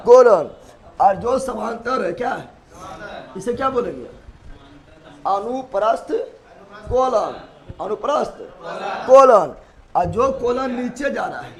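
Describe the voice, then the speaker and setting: Man, high voice, biology teacher, call-and-response drilling, loud and emphatic. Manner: repeats questions, drills students in chorus; loud, emphatic, laughing often. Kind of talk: call-and-response classroom lesson.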